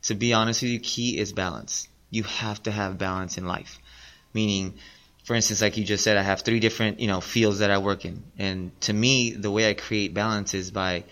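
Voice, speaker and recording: A man's voice: lowish voice, fairly even intonation, moderate pace, fairly bright tone. A man in his late thirties, a podcast guest, talking casually and earnestly, often repeating himself. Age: 30s. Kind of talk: casual interview talk.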